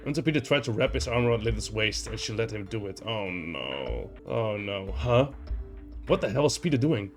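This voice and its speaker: A young man playing an indie horror visual novel, reading its text aloud and reacting in an animated way, swearing and saying "like" a lot. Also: mid-range voice, fast talker, soft background music. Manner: animated, swears, heavy use of "like".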